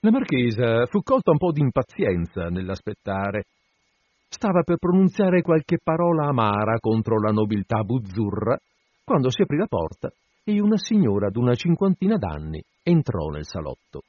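A man reading a classic short story aloud with expressive storytelling, then commenting on it. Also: mid-range voice, normal speed, no room sound, dull audio. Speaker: reader.

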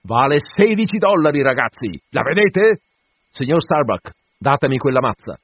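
A man voicing a fierce, obsessed whaling captain in an audiobook, commanding and tormented, declaiming forcefully to his crew. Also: mid-range voice, moderate pace, husky, dry recording, highs cut off, close to an everyday voice. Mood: commanding, excited. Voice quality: forceful shouting delivery. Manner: grandiose, exclamatory, rallying his crew.

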